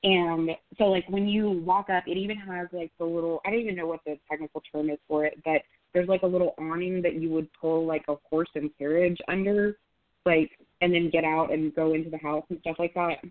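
Woman, thirties, from Oklahoma, casual rambling guest, low-pitched, tinny phone audio. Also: fairly even intonation, fairly quick, no room sound. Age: 30s. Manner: chatty storytelling with many fillers. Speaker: podcast host and guest. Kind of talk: casual interview chat.

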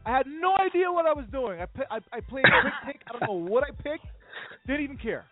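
Animated high-voiced man telling a rambling story. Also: fairly quick. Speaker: sports talk show host. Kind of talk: casual radio chat. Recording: phone-like audio with faint music.

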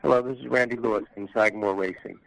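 Brief: man's answering-machine greeting over a landline, quick and gravelly, noisy speakerphone. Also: medium pitch, fairly even intonation. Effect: recorded voicemail greeting played over a landline phone. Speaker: staff member's voicemail greeting. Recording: phone line on speaker, noisy, from far.

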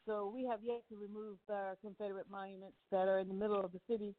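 A woman's voice: medium pitch, flat delivery, fast talker. Older woman on a phone line. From Virginia. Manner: earnest, encouraging, full of fillers. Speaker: call-in guest. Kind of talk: radio call-in chat.

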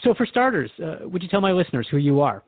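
A Canadian man plays a skeptical, slightly flustered radio host in a drama, questioning his guest in a curious, probing, hesitant, conversational way. His fairly high voice is very animated and quick, and the dry recording sounds thin and phone-like, band-limited.

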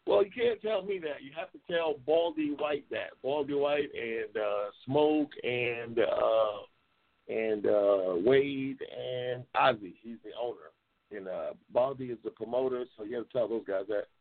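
Here a man in his 70s hosts a relaxed live stream, going through viewer comments with jokes and trash talk. He speaks at medium pitch and a little slowly, and the sound is tinny and lo-fi, like a phone.

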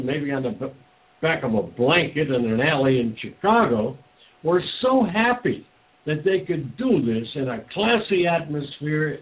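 An older man talking bluntly and indignantly in a casual chat, swearing freely as he rails against greed. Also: on the high side. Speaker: guest. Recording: tinny phone-like sound.

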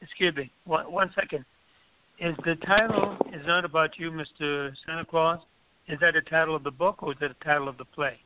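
A man's voice: a little high, steady tone, brisk, a little hiss or hum. A man hosting an internet radio interview in a formal, courteous manner, repeating his phrases, on a narrow phone-like line. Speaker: radio show host.

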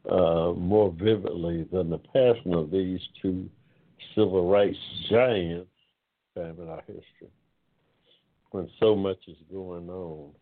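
A man in his seventies hosting an online talk forum, speaking in a casual monologue that is unhurried and reflective, with many pauses and drawn-out words. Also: low voice. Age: 70s. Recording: tinny phone-line sound.

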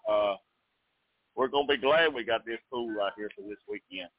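A race fan from the Nashville area of the United States is interviewed over the phone while outdoors in a campground pool beside a racetrack. His voice is on the low side at a moderate pace, and he chats casually in a folksy, easygoing way. The call sounds narrowband, phone-like and dry.

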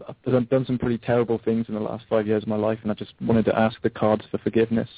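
A man's voice: fairly low pitch, completely flat delivery, quick pace, husky, no room sound. A man in his thirties with a Welsh Valleys accent, speaking hesitantly as a caller to a phone-in show. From Wales. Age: 30s. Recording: muffled narrow-band phone line.

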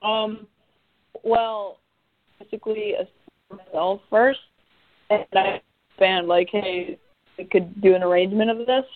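A man's voice: high-pitched, fairly even intonation, takes it slowly, long pauses, no room sound. A man calling in to a radio show on a crackly cell phone line that fades in and out, talking casually and hesitantly with many fillers. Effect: crackly cell phone line fading in and out. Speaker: band singer calling in.

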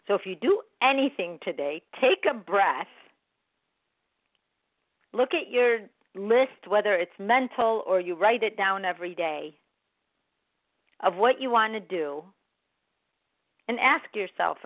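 A woman giving a gentle, encouraging and reflective motivational self-help talk. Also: mid-range voice, animated, unhurried, long pauses, no room sound. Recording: dry, tinny phone-like sound.

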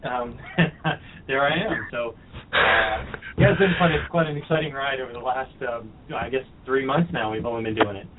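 Man, race director guest, relaxed friendly storytelling, filler ums, medium pitch, tinny phone sound. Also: moderate pace, background noise. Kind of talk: casual podcast interview. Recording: phone-like narrow audio.

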